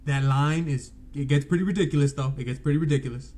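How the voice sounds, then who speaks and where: A man's voice: on the high side, quick pace, a little mellow. A man from California, a sports reporter, chatting as a guest on a casual podcast in an enthusiastic, easygoing way. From California, United States. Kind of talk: casual interview chat.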